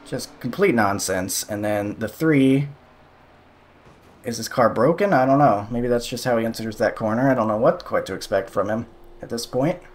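A man's voice: medium pitch, normal speed. A young man giving casual, sarcastic commentary over a sim racing replay, exasperated at the calls.

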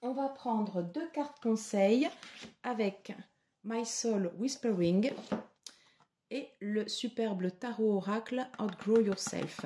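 A woman giving a tarot reading to her viewers, slow and hesitant with many fillers. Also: fairly high pitch, mellow, a little hiss or hum. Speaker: tarot reader.

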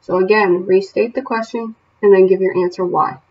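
A woman teacher reading a novel aloud to her class, then setting homework questions in a steady, plain voice with small self-corrections. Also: mid-range voice, moderate pace, muffled recording, a little hiss or hum.

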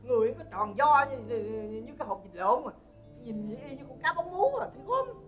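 A fussy, nagging older mother, acted by a woman in a stage comedy sketch, speaking with a Southern Vietnamese accent. Her voice runs high, bright and fast as she scolds and exaggerates. The recording sounds slightly dull, with faint music behind her. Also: big pitch swings. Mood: scolding. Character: fussy, picky older mother judging brides.

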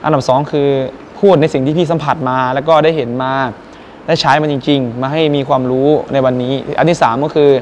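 Speaking fairly quickly in a steady, medium-pitched voice, a young man addresses the camera politely and earnestly, presenter-style, with a little hiss or hum in the audio. He is a singer acting as guest singer and workshop mentor for students, filmed outdoors by a school building and later indoors at a music school.

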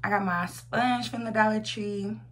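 Young american woman doing casual vlog talk, slangy n sweary, normal pitch, hummy background. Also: steady tone, normal speed, fairly bright tone. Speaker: beginner makeup vlogger. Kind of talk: casual chat, makeup tutorial. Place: small room at home, indoors. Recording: noisy home recording with hum.

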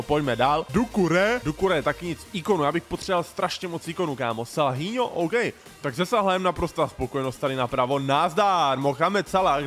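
A young man giving slangy, excited commentary while playing a football game, often breaking into loud sing-song shouts. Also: a little high. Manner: slangy, calls viewers "bro" constantly. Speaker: gaming streamer.

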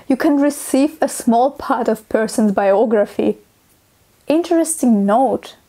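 Casting note: young Russian-accented woman, fairly high voice, expressive vlogger who acts out scenes, close clip-on mic in a small room. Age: young adult. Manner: expressive, acts out little scenes with her hands. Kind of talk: scripted talking-head vlog. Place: small dim room indoors.

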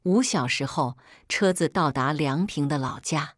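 Low steady woman telling a story. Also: measured pace, dry recording, studio quality. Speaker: story narrator. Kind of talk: first-person scripted story narration.

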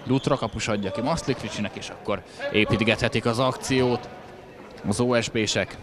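A man doing chatty live handball commentary with wry asides. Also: lowish voice. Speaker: sports commentator. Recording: crowd noise in sports hall. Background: crowd in a sports hall.

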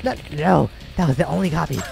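A man voicing an eager, rough old male informant in a video game, using an old man voice. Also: fairly high pitch, quick pace, over music. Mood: pleading.

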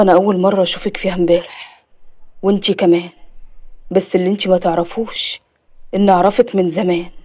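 Woman doing a gentle 30-year-old Egyptian husband. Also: close to an everyday voice. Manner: low, gentle, reassuring. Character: earnest protective 30-year-old man, new husband. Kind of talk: animated story voice acting.

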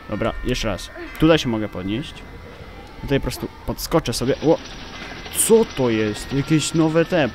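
Excitable gamer over game music. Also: male voice, mid-range voice. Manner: excitable, exclaiming and swearing at the game. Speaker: gameplay commentator. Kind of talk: let's play commentary. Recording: game music playing behind.

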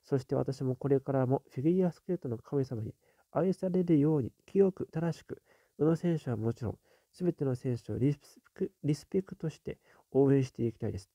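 Guy on a chill livestream reading out comments, deep mellow tone, super dry mic. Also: no echo. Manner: reads viewer comments aloud, then muses with soft "un" fillers. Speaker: host reading viewer comments. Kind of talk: casual live-stream chat.

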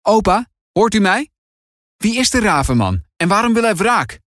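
A man doing a jumpy, doubtful boy in an audiobook, his voice lifted higher and lively with worry. He sounds anxious and on edge, close to the mic. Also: moderate pace, no echo. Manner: nervous and anxious.

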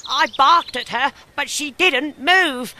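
A woman doing an excitable little storybook dog. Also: high-pitched, slow pace, heavily acted. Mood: worried. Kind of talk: textbook audio story.

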